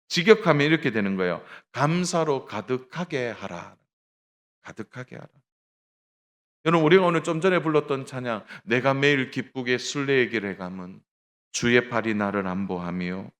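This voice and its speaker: A man's voice: medium pitch, a bit bright. A middle-aged male pastor giving a Sunday sermon, telling a story with acted dialogue and addressing the congregation directly.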